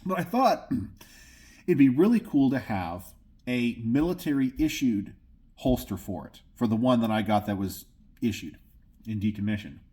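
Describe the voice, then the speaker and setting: A man's voice: medium pitch, animated, moderate pace, dark tone. An American man hosting a video channel, giving opinionated commentary to his viewers in an emphatic way, often repeating phrases for effect. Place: garage.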